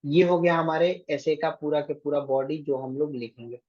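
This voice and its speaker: A man's voice: on the high side, fairly even intonation, normal speed, highs cut off. Man teaching an online exam class. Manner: directive, keeps checking with "thik hai".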